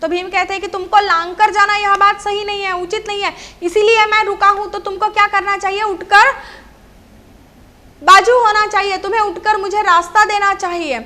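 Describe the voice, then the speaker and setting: A woman's voice: extremely high pitch, little pitch movement, normal speed, pushed and bright. A woman teacher explaining a story to children, repeating key phrases and asking rhetorical questions.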